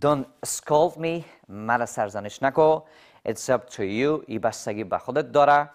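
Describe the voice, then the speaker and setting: Man teaching English on TV. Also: medium pitch. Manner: quizzes viewers with rhetorical questions; repeats and slowly spells out English examples. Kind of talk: TV English lesson in Dari.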